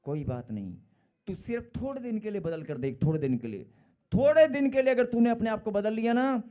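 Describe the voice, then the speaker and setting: A middle-aged man preaching a sermon, emphatic and repetitive, swinging between loud calls and quiet asides. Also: high-pitched, animated, brisk.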